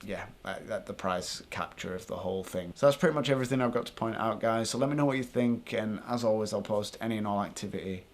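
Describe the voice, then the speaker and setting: A man's voice: lowish voice, fast talker, hardly any pauses. A British man talking casually and informally to viewers as a paranormal vlogger, thinking aloud as he explains.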